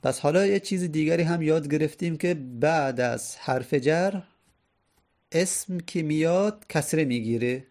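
A man's voice: a little high, darkish tone. A man teaching an Arabic grammar lesson, explaining each point patiently and repeating it step by step.

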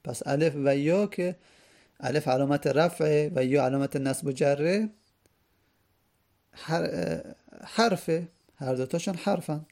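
A man teaching an Arabic grammar lesson in Persian, reading each rule aloud and then explaining it slowly with repeated examples. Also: on the high side, gravelly, darkish tone.

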